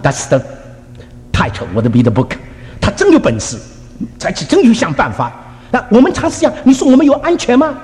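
An older male pastor tells stories in a fast, lively voice that swings widely in pitch and sits somewhat high. He chuckles and acts out what others said. The sound carries a long hall reverb with faint ambience behind. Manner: animated storyteller, chuckling, acts out quotes, mixes in English words. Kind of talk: sermon with personal stories.

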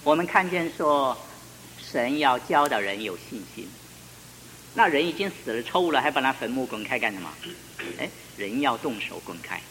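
A man preaching a sermon and reading scripture aloud, animated, with rhetorical questions and loud shouted calls. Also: mid-range voice. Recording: long hall reverb, faint tape hiss.

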